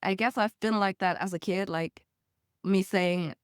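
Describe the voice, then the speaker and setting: Young woman, smooth clear voice, dry close sound, casual storytelling. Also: mid-range voice, steady tone, a little slow, no echo. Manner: storytelling with laughs and acted quotes. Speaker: podcast guest. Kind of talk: casual conversational interview.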